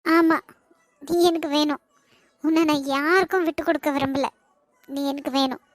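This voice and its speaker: A woman's voice: sits high, steady tone, normal speed, slight background noise, natural voice. A woman voicing a lovesick young cartoon woman with a Kanyakumari Tamil accent, pleading and tearful with her ex. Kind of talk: cartoon voice acting.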